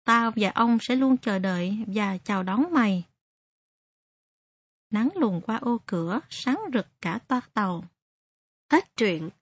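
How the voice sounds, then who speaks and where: A woman narrating a story aloud in a gentle, measured reading. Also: mid-range voice, lively intonation, no room sound. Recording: dry, slightly muffled recording.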